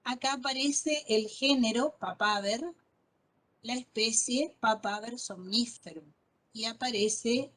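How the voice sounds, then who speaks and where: This woman is a botany lecturer in an online class, carefully explaining terms and checking comprehension with frequent questions. Her voice is a little high and a bit bright with a breathy edge, and the audio is poor.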